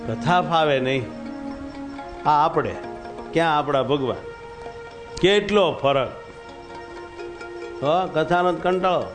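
A man's voice: on the high side, measured pace, long pauses, music in the background. A man giving a devotional sermon, telling stories in a folksy way and chanting verses. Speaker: religious storyteller.

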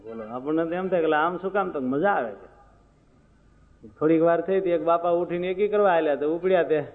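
A man's voice: a little high, fast talker. A man, giving a moral sermon full of folk anecdotes and rhetorical questions to his listeners. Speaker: preacher. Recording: phone-like sound, long hall reverb.

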